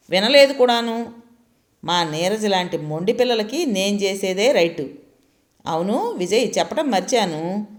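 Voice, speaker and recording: A woman's voice: mid-range voice, natural voice. A woman voicing a bossy, talkative middle-aged aunt who scolds freely. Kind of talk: storytelling voice acting.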